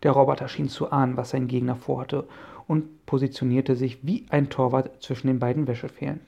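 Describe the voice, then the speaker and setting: A man narrating a children's detective audiobook in a steady storytelling manner. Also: medium pitch, fairly quick, vocal fry, highs cut off. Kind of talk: scripted narration.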